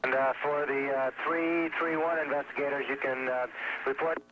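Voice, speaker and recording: A crew member aboard a spacecraft, talking over a breaking-up radio link from orbit and giving brief, clipped replies in a terse air-to-ground exchange. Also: male voice, medium pitch, steady tone, moderate pace. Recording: noisy, muffled radio downlink.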